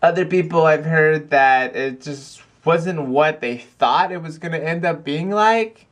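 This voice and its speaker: A man's voice: fairly high pitch, measured pace. A young man chatting casually to camera in a video blog at home, rambling with lots of fillers and restarts. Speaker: vlogger. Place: cold house.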